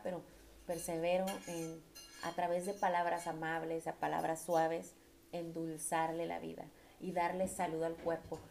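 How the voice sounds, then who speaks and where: A woman's voice: mid-range voice, vocal fry, a little hiss or hum. A woman gives a devotional talk to women, earnest and persuasive, repeating phrases for emphasis.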